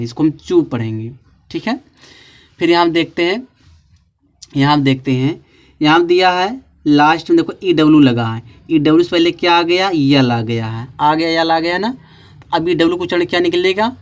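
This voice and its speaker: A man teaching a pronunciation lesson, posing questions and answering them himself and spelling out letters slowly. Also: on the high side. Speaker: English teacher. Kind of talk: classroom-style pronunciation lesson. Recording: dull lo-fi recording.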